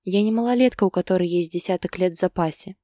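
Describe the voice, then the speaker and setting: A woman's voice: on the low side, fast talker, warm tone, no room sound, clean studio sound, close to an everyday voice. A woman voicing a stubborn, hurt young woman who wants a child, speaking in a sulky, peevish way.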